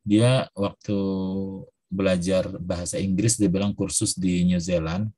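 A man's voice: low-pitched, steady tone, a little slow, darkish tone, slightly rough. A man telling a story while teaching an Arabic class, acting out the dialogue.

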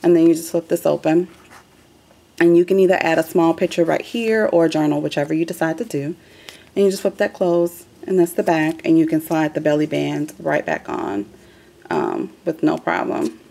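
Seated at a table, a woman walks through her crafts in a relaxed video, talking loosely and saying "um" often. Her deep voice is gravelly and dark, moving at a moderate pace.

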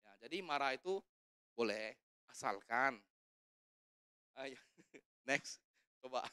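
A man's voice: mid-range voice, unhurried, sharp tone, smooth, no room sound, studio quality. A man preaching a conversational sermon at a church service, casual and joking, putting questions to the congregation. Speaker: evangelist preaching.

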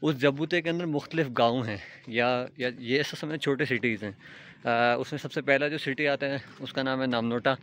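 A man's voice: medium pitch, fairly bright tone. Young man vlogging outdoors on a walk. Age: young adult. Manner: explains step by step, frequent filler pauses. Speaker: travel vlogger. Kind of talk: casual walking vlog narration. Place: outdoors on a hillside village road. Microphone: phone camera held at arm's length. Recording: faint outdoor ambient noise.

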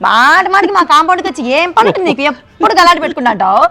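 A woman in a comedy skit fires off scolding lines at very high speed. Her voice sits high and sounds bright, and she argues combatively with no pauses. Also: very animated, gravelly. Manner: scolding, rapid-fire and combative. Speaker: quarrelsome neighbor in a comedy skit. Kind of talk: scripted comedy skit, rapid bickering.

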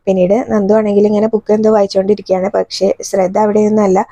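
A woman from Kerala retelling the plot of a TV serial in casual, fast speech, with frequent fillers. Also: medium pitch, level tone, dark tone, no room sound. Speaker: TV serial recap reviewer. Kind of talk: casual spoken episode recap.

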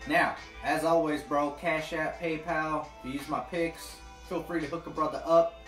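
A man giving football picks in a casual vlog, excitable and slangy, calling listeners "bro". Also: on the high side, normal speed, reverberant, soft background music. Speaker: sports picks vlogger. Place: apartment.

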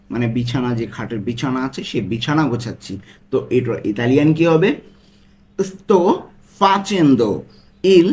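A man teaching a language lesson step by step. He repeats each phrase slowly and clearly and stresses every word. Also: on the high side.

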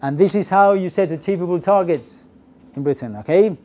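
A middle-aged man giving a business English class lecture, lively and constantly checking in with the audience. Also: sits high, fairly quick. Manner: lively, asks the audience "okay? yes?" often. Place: classroom with projector screen. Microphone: lapel mic.

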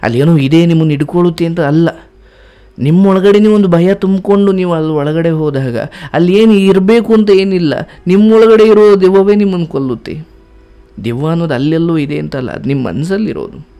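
A man's voice: a little high, brisk, mellow, clear, resonant tone. Earnest preachy male counselor. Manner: earnest, preachy, gives blessings. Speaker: spiritual counselor and host. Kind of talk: advice talk.

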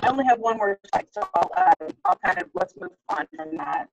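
A woman's voice: high-pitched, big pitch swings, fairly quick, vocal fry, faint music behind. A woman hosting a webinar, with many ums and uhs, over a failing mic whose audio breaks up. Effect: choppy, breaking-up audio from a failing mic. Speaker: webinar host. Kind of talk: presenting slides on a webinar. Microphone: computer mic on a video call. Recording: dull online call audio.

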